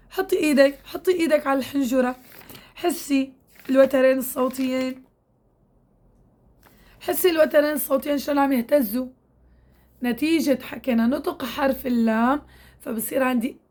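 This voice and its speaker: Woman, high voice, recitation teacher, patient, slow repeated drills. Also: darkish tone. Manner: patient, repeats drill syllables slowly and coaxingly. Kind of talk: tajweed lesson to women learners.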